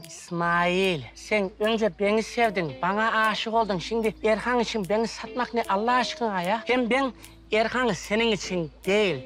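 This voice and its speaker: A man's voice: high voice, a bit bright. An actor playing a lovesick, hot-headed young man who complains dramatically in a sitcom. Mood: furious. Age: young adult. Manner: dramatic, exaggerated, whiny outbursts. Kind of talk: TV sitcom acting. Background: background music.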